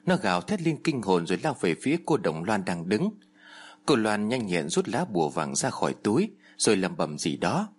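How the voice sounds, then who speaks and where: Husky man telling a horror tale. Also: very animated, moderate pace. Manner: acts out the characters' shouts and pleas with raised pitch. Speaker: storyteller. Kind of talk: dramatic horror story narration.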